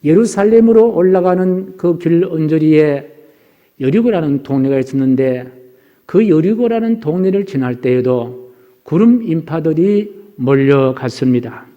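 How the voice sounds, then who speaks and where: A man's voice: a little high, expressive, measured pace, lo-fi sound. A middle-aged man preaching as pastor, delivering an earnest, repetitive sermon. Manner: earnest preaching, opens with recited verse. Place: church sanctuary. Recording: long hall reverb.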